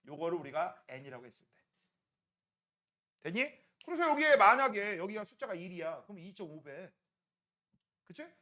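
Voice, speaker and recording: A man's voice: sits high, normal speed, long pauses. A man teaching a middle school science class, quizzing students by name and checking in constantly as he works through problems in a classroom. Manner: lively, swings between loud and quiet.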